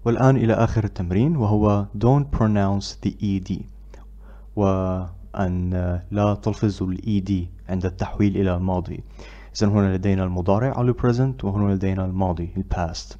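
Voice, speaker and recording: A man teaching English pronunciation, who repeats drill words loudly and pauses with filler sounds between phrases. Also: low-pitched, fairly even intonation, highs cut off. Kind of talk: pronunciation lesson.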